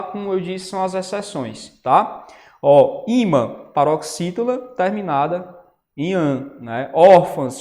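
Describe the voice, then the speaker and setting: Male teacher in an online lecture, higher-pitched, in a reverberant space. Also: darkish tone. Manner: explanatory, says "né?" and "ó" often. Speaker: Portuguese teacher. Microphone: writing on a tablet while talking. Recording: long reverb.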